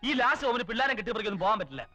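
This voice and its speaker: A stern, bossy family man in a film drama. His voice sits very high and bright, and the words come quick and clipped. Soft film music hums under the scene. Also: lively intonation, poor audio. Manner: scolding, bossy on the phone. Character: stubborn, scolding middle-aged family man. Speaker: head of the family, guardian of the children.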